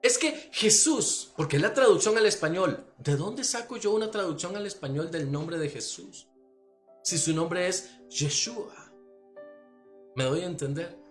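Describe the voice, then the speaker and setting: A man's voice: sits high, measured pace, faint music behind. A man from Costa Rica with a Costa Rican Spanish accent, a pastor giving a teaching sermon and often checking that listeners follow. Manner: animated, asks listeners if they follow.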